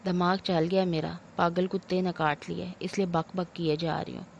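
An aggrieved, theatrical old mother-in-law full of loud laments, as a woman narrator puts her on. The voice sits low and mellow. A dull lo-fi recording with a faint hiss underneath. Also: level tone, moderate pace, creaky. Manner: wailing complaints, theatrical laments. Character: aging scolding mother-in-law, self-pitying and loud.

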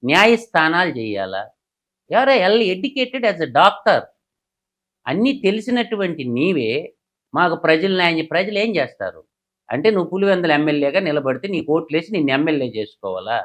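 A man, a political analyst who delivers heated commentary through rapid, combative rhetorical questions. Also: on the high side, very animated, fairly bright tone.

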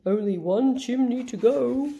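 A woman voicing a jolly old Santa Claus in a storybook, booming and cheerful. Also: unhurried, vocal fry, dark tone.

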